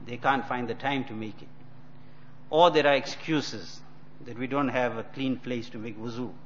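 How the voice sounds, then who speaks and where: Higher-voiced male preacher, muffled recording. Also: steady tone. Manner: admonishing, deliberate phrasing with repeated points. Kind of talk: religious lecture explaining a text. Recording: dull lo-fi audio, faint noise.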